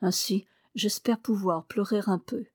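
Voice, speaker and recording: A woman voicing a sorrowful, gentle male shark-man from the sea, who speaks in a grave, dignified way. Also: medium pitch, fairly even intonation, a little slow, husky, dry recording, studio quality. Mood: wistful.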